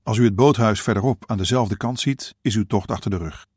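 A man's voice: lowish voice, a little fast, a little mellow, slightly rough, dry recording, clean studio sound. A man doing a burly, kindly boatman. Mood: matter-of-fact. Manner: matter-of-fact, reassuring. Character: burly middle-aged bearded boatman, kindly and practical.

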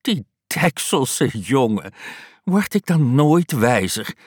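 A man voicing a fussy, soft-hearted old aunt who scolds in a shrill, exasperated way, in an audiobook reading. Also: very animated, slow pace, breathy edge, no echo, studio quality, heavily acted.

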